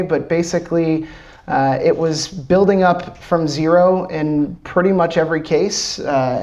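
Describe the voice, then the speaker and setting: A startup founder from Washington, D.C., gives a casual live presentation to a small audience, his fairly high, darkish voice coming through on dull audio. He talks loosely and chattily, packing in fillers and swearing freely.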